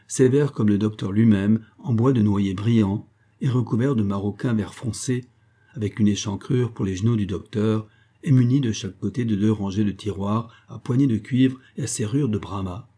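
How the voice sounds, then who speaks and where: A man narrating a novel as an audiobook, in a measured, even storytelling manner. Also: lowish voice.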